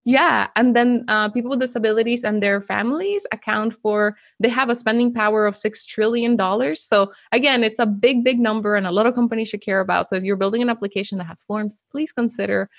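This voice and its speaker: A woman's voice: fairly high pitch, a little fast, few pauses, no echo. Dry-sounding Venezuelan-born woman guest. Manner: friendly, laughs often, explains clearly. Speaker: guest, web developer. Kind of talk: casual interview. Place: home room. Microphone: close studio mic with pop filter.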